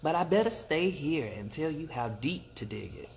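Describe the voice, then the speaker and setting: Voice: mid-range voice, expressive, normal speed, creaky, a little mellow, slight background noise, pitched above the performer's own voice. A storyteller as Brer Rabbit, a sly trickster. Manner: folksy, confident, scheming. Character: sly, boastful trickster rabbit in a Southern folktale.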